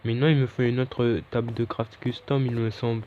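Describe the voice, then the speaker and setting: A man's voice: mid-range voice, level tone, brisk. A young man giving casual, chatty commentary over his own gameplay, often correcting himself as he talks. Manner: loose, chatty, self-correcting. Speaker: gaming YouTuber. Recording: dull lo-fi mic, faint hiss.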